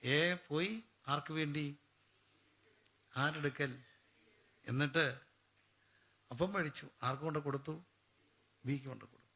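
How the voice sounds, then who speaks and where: A man's voice: a little high, fairly even intonation, a little slow, long pauses, sharp tone. A man preaching a sermon. He keeps putting questions to the congregation and answering them himself.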